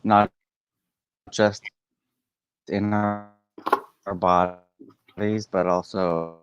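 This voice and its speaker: A man's voice: deep voice, slight background noise. A man, answering interview questions thoughtfully and hesitantly, with many fillers. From Boston, USA. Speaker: guest artist. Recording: dull dry lo-fi line.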